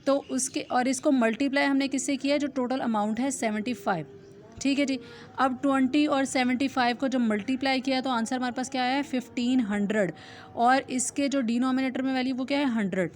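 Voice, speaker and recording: A woman with a fairly high voice works through a maths problem for her students. She explains each step in turn, often asking a question and then answering it herself. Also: steady tone, fairly quick. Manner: step-by-step explaining with check questions and "theek hai ji". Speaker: maths teacher. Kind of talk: recorded online class lecture.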